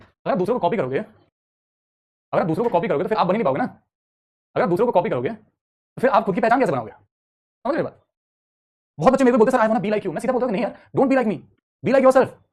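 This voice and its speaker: A man's voice: high voice, expressive, racing, pauses often, darkish tone. A man teaching an online class, talking conversationally and mixing Hindi with English, addressing students like a big brother.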